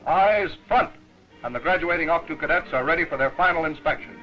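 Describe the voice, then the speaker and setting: Man narrating an old newsreel. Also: fairly high pitch. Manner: brisk, declamatory. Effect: old newsreel sound. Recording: dull lo-fi 1940s newsreel soundtrack with music. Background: music.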